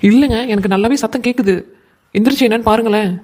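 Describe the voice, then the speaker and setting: A voice actor playing a young new wife in a cartoon comedy, wailing complaints and loud threats. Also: mid-range voice, quick pace, dry recording, lightly acted. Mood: dramatic.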